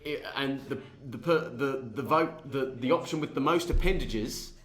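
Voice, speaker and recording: A man at a tabletop game who keeps tripping over his words, restarting sentences and chuckling through them. His voice sits at a middling pitch. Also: reverberant. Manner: halting, restarting, giggly. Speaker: player. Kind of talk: casual tabletop game chat.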